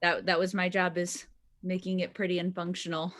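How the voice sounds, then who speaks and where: Woman, slightly low pitch, plain-spoken, casual, designer giving an informal demo. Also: level tone, a little fast, fairly bright tone. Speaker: designer presenting project work.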